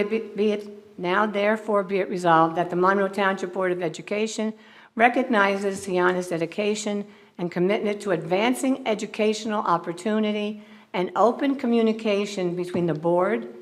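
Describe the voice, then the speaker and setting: A woman runs a public school board meeting from the chair, speaking at an ordinary middle pitch. She reads formal resolution wording and calls for motions, now and then stumbling and restarting a phrase. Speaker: board of education presiding officer.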